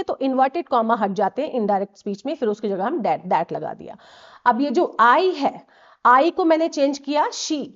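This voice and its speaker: A woman's voice: a little high, darkish tone. A woman teaching English grammar, talking patiently in Hindi and English and checking in with her students again and again. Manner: patient, repeats checks like "right?"; mixes Hindi with English terms. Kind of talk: explanatory lesson. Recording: dull lo-fi recording.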